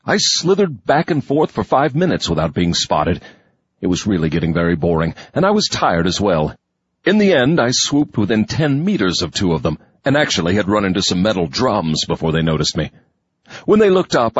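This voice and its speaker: Deep-voiced man narrating an audiobook. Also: husky, no room sound. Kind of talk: first-person audiobook narration. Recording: dull, lo-fi dry recording.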